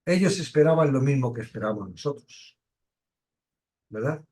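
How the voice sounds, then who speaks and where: A man's voice: medium pitch, lively intonation, darkish tone. A man from teaching a Bible study, asking questions and stressing key words. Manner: questioning, emphatic, pauses and restarts.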